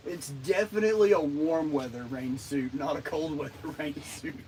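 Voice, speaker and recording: A man's voice: on the high side, moderate pace, a little mellow, a little hiss or hum, low-quality recording. A man, a fishing vlogger chatting and joking casually on a boat outdoors. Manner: joking, drawling, tells corny jokes. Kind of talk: casual livestream chat. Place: outdoors on a boat on a lake in the rain.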